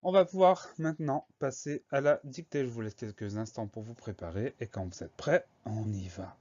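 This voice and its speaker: A man's voice: medium pitch, normal speed, darkish tone, dull audio. A man teaching a spelling lesson, patiently spelling words out letter by letter.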